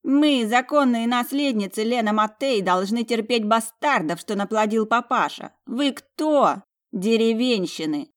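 A woman's voice: medium pitch, animated, moderate pace, natural voice. A woman voicing a spiteful, sneering young noblewoman in an audiobook, taunting her sister.

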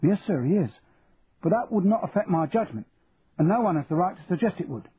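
A man's voice: high voice, animated, a little fast, pitched above the performer's own voice. A man voicing an earnest, honest young lance corporal who talks plainly and respectfully. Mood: defiant. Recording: tinny phone-like, faint hiss.

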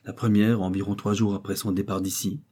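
Male reader doing formal notary, imperturbable, stiff, dark husky voice, audiobook. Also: on the low side, level tone, fairly quick. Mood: composed. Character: calm, stiff provincial notary, middle-aged man. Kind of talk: audiobook character voice.

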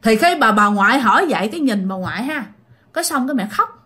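Chatting straight to her audience, a woman spins a casual ghost story in a fast, expressive delivery. Her fairly high voice is sharp with a breathy edge.

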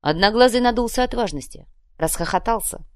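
A woman's voice: a little high, animated, fairly quick, no room sound. Woman narrating a story, dry sound. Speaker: audiobook narrator. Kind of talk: scripted narration.

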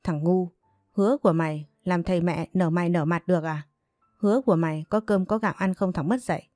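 Hot-tempered older father, shouting and scolding, slightly low and dark, read by a woman. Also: fairly quick, no echo, clean studio sound, faint music behind, close to an everyday voice. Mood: furious.

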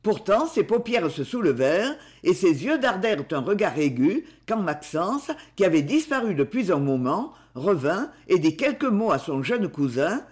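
A man reading a novel aloud as narrator in an expressive, theatrical way. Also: high-pitched, normal speed, hardly any pauses. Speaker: audiobook reader. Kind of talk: scripted narration.

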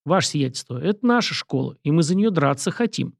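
A man's voice: on the high side, animated, fairly quick, creaky, dry recording, studio quality. A man voicing a sullen, stubborn teenage schoolboy.

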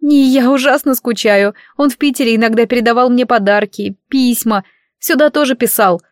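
In a dry, studio-quality recording, a woman voices a tearful village teenager who keeps crying as she speaks, sobbing and pleading. Her natural-sounding voice is on the high side, at normal speed, pitched above her own.

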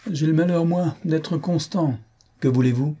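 A man's voice: a little high, a little slow, warm tone, husky, voice pushed up. A man doing a thundering sardonic rogue. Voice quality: thundering, mocking. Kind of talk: audiobook character voice.

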